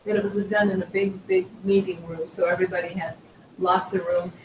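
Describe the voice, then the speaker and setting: A woman's voice: lowish voice, little pitch movement, a little fast. Enthusiastic veteran woman agent, rambling. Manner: enthusiastic, rambling with many fillers. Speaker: veteran real estate agent. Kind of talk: casual storytelling in a meeting. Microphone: distant room microphone. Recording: echoey room, far from mic, noisy.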